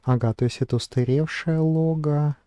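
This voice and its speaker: Hesitant male vlogger, very dark flat voice, dry close sound, thinks aloud. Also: on the high side, normal speed, clean tone, dry recording. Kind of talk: casual screen-recording narration.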